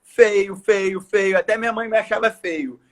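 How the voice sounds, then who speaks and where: A man's voice: high voice, measured pace. A man with a Brazilian Portuguese accent, a coach talking earnestly and emphatically on a podcast, repeating phrases for stress. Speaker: coach and course speaker. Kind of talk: casual podcast conversation.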